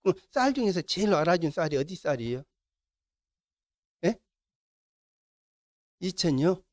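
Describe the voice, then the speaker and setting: A man's voice: fairly high pitch, big pitch swings, a little slow. A middle-aged man with a Jeolla Korean accent, giving a classroom lecture as an instructor and answering his own questions to the class. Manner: asks the class questions and answers them himself.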